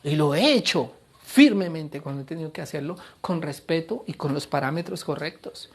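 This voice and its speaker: A middle-aged male pastor giving a sermon, with an animated, playful delivery that acts out other voices. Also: a little high, normal speed, slightly rough.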